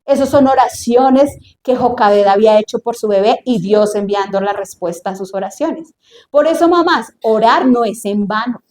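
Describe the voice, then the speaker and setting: A woman preacher, giving an animated sermon and acting out the scenes she describes. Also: on the high side, moderate pace. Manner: animated, acts out scenes in voices. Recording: echoey church room.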